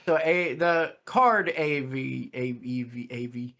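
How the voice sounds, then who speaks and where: A man's voice: medium pitch, extremely slow, a bit bright. A man at a card game who chimes in with short asides and checks how the cards work. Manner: chatty asides, double-checks the rules. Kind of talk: casual banter at a card game.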